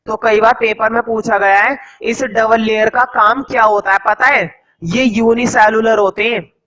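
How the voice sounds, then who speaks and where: A man teaching a class, slowly dictating notes word by word and asking the students quick questions in between. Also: high voice, fairly even intonation, sharp tone, low-quality recording. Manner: quizzes students with rhetorical questions; teasing, joking. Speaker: science teacher. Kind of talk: classroom lecture.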